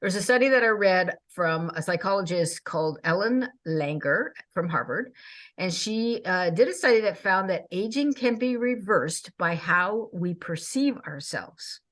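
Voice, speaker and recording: Chatty woman in her sixties, low-pitched. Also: lively intonation, a little slow, a bit bright. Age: 60s. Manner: enthusiastic, chatty, laughs often. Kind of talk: casual chat.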